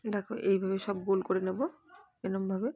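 A young adult woman narrating a home cooking video in a casual voice-over, halting and full of fillers, her throat strained and catching. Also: medium pitch, monotone, dark tone. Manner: hesitant, many fillers. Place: home kitchen, voice-over recorded at home by day.

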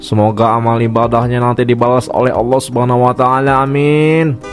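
A man voicing a calm, devout village cleric in a cartoon who takes charge. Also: medium pitch, a little fast, soft background music, close to an everyday voice. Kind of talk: cartoon voice acting.

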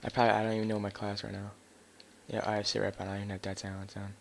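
A man's voice: lowish voice, completely flat delivery, very fast, gravelly, a little hiss or hum. A man doing casual live gameplay commentary on a headset mic as a raging gamer, swearing and grumbling in exasperation. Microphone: gaming headset.

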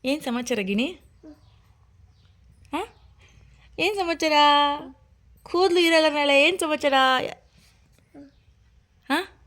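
A young woman with a high, light voice talks with her little son at home. She coaxes and teases him with sing-song questions. Her tone is playful, patient and motherly. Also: very slow, pauses often, fairly bright tone. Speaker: mother and vlogger. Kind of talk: playful chat with a toddler.

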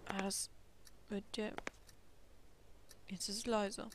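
A woman commenting casually on a game she plays, quietly musing aloud and asking herself questions. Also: medium pitch, flat delivery, takes it slowly. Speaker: let's play host. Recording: audible background noise.

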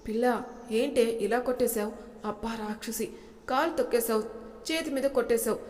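A woman's voice: on the high side, brisk, a little mellow, lightly acted. A woman voicing a teasing, bold young man in a storybook tale, swaggering and playful, with a long hall reverb.

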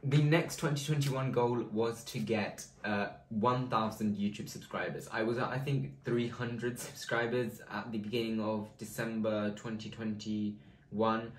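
A man's voice: on the low side, steady tone, measured pace. A teenage boy, a vlogger, chatting casually with lots of ums and likes. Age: teens. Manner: chatty, filler-heavy, lots of "um" and "like". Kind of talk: casual vlog talk. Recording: echoey room with faint noise.

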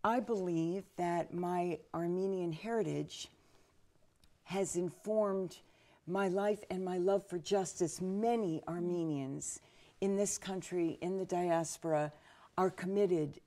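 Woman, 60s, minister as interview guest; measured and deliberate, fond of lists; lowish, warm tone; lapel mic in a studio. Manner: measured, slows for emphasis, builds lists. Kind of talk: reflective interview answers. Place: dark studio set, seated.

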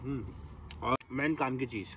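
A man's voice: mid-range voice, moderate pace, sharp tone, recorded from a distance. A young man casually chatting with friends and explaining each step as he cooks at a farm campsite. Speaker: vlogger cooking at a campsite. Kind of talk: casual cooking chat with friends. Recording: noisy outdoor phone recording.

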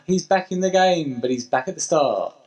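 A young man streams a video game as a hunter, chatting casually and muttering wryly to himself while he plays. His voice is fairly high, a little mellow, and at a normal speed, and the recording is rough.

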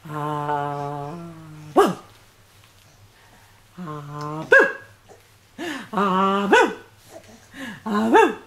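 Her voice sits low and fairly bright, sing-song with drawn-out words and frequent pauses, as this older woman coos and chants baby talk to her infant grandchild. The scene is a bedroom at home, filmed by another person on a handheld home camera.

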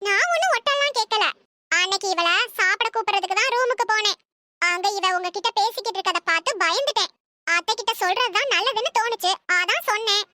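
Woman doing sassy young cartoon daughter-in-law, tiny high voice, bright and sneaky. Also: lively intonation, brisk, dry recording, clean studio sound, full character voice. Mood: defensive. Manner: sly, mocking.

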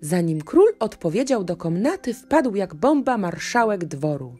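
Slow, expressive woman reading a bedtime story. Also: medium pitch, slightly rough. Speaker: audiobook narrator. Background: faint music.

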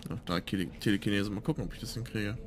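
A man's voice: fairly low pitch, rapid-fire, over music. A man giving casual gameplay commentary as a let's player, musing aloud to himself. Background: game sound.

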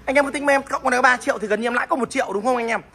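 A man from the north of the country, showing off a motorbike for sale in a casual vlog, with fast salesman patter and short repeated tags. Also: very high voice, pushed and bright. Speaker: motorbike dealer vlogger.

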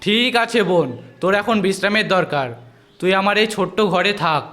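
An actor playing a kind young village brother who speaks gently and earnestly in an amateur village drama. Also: male voice, high voice, brisk, soft background music. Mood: caring.

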